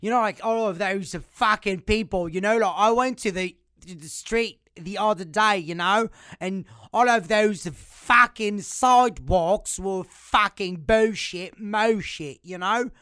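A man's voice: sits high, slow, smooth, no echo, clean studio sound, full character voice. A man putting on a rowdy, foul-mouthed English-speaking bloke in a mixed British, Australian and Irish accent. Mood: ranting. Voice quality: loud, swearing rant.

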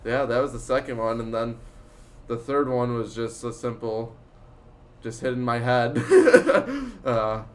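A man's voice: medium pitch, lively intonation, a little slow, slight background noise. A teenage boy in casual chat, rambling through a story with lots of fillers and laughs. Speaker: student storyteller.

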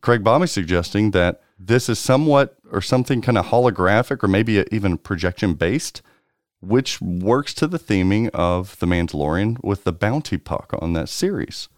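On a podcast about pinball news, a male co-host rambles casually, restarting often and using plenty of fillers. He has a fairly low pitch with lively intonation at normal speed, captured dry with studio quality.

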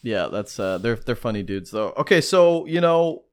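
A man co-hosting a casual podcast, rambling and animated, with lots of fillers and restarts. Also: mid-range voice, normal speed, clear, resonant tone. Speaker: podcast co-host. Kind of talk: casual chat.

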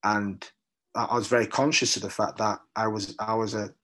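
In a reflective interview, a poet from London speaks with a British accent in a lowish, somewhat bright voice, brisk and level in tone. He hesitates thoughtfully, repeating words as he searches for what he means.

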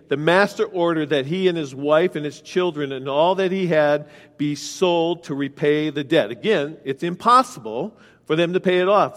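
A man preaching a sermon, explaining scripture verse by verse and asking his congregation direct questions. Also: fairly high pitch. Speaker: pastor. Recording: long hall reverb.

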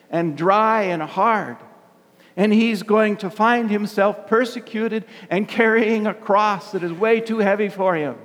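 A man preaching a conversational sermon in an informal storytelling way, repeating words for emphasis. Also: sits high. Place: large reverberant church. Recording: long reverberant church echo.

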